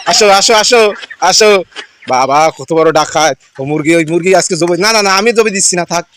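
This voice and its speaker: A man's voice: high-pitched, moderate pace, noisy background. A man teasing a child and talking to viewers in a playful family vlog. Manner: teasing, addresses viewers directly. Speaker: vlogger filming a child.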